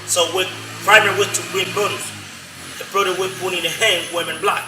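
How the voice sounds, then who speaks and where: A man from Colombia with a Colombian Spanish accent, explaining his community's history as a local guide in halting, repetitive English. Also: sits high, steady tone, music in the background. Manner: halting non-native English, repetitive, frequent "you know?". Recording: roomy, distant from the mic, faint noise.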